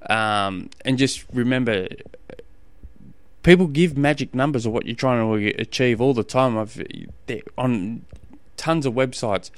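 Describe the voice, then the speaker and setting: Casual Australian man podcasting, clear dry sound. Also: medium pitch, measured pace, no echo. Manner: informal and colloquial, rambling and often rephrasing mid-sentence. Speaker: podcast host and endurance sports coach. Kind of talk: casual solo podcast advice talk.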